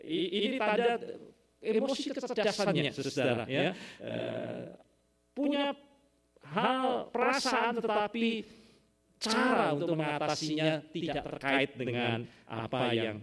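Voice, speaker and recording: Male preacher, slightly high voice, very animated delivery, keeps asking the congregation questions. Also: a little slow. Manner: rhetorical questions to the congregation with frequent "ya"; animated, sudden loud emphatic rises. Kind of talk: sermon.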